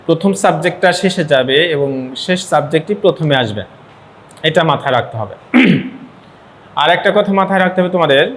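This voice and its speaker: A man teaching an English grammar lesson to a class, slowly repeating words to model pronunciation and mixing in English phrases. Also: fairly high pitch, fairly bright tone, slight background noise. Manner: mixes English phrases into explanations. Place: classroom with students.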